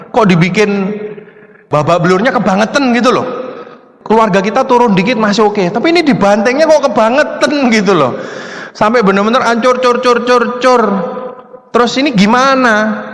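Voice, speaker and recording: A man's voice: high-pitched, fairly bright tone. A man giving a live seminar talk as a motivational speaker, plain-spoken and conversational, acting out little exchanges with a joking touch. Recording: long hall reverb from a live talk.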